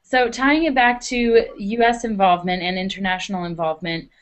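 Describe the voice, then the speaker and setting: A woman's voice: medium pitch, steady tone, a little fast. A student woman asking a long, hesitant question in a video call.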